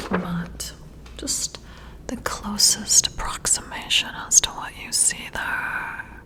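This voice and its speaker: In an ASMR roleplay, a woman plays a flirty, intrigued boss administering a personality test, whispering breathily and admiringly close to the mic. Her voice is on the low side, and she speaks slowly with a flirty, admiring, softly hesitant manner.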